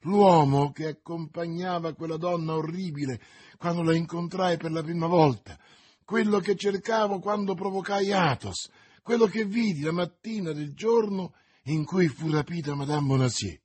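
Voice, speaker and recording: A man reading aloud, voicing a young hot-headed swordsman who cries out in a high, urgent voice. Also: normal speed, a little mellow, husky. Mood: agitated.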